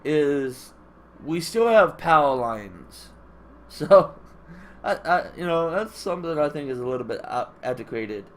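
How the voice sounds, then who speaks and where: Speaking at a measured pace with a sing-song lilt, this fairly high-voiced man rambles casually while hosting a gaming video, thinking out loud. A congested nose gives him a nasal, stuffy sound. Background noise comes through clearly on the mic.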